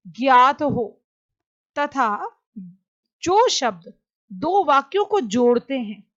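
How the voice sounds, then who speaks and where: Slow, high-voiced woman teaching grammar. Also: no echo. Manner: slow, deliberate explaining with examples. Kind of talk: recorded grammar lesson. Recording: dull, dry lo-fi recording.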